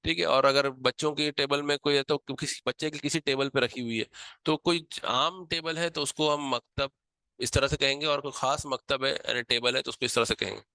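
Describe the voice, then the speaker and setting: Bright, crisp man teaching step by step. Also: medium pitch, fairly even intonation, normal speed, no echo. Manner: patient, explains step by step with repetition. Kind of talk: grammar lesson.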